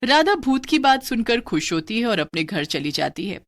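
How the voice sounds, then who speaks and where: A woman narrates a cartoon story in a measured, steady voice. Her tone sits fairly high for a woman.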